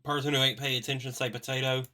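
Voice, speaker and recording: Guy hosting a ranking stream, bright forceful voice, chill slangy talk, calls the votes. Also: mid-range voice, flat delivery, fast. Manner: leads the votes, laid-back slang. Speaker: ranking host. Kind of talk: casual gaming chat. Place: home streaming setup.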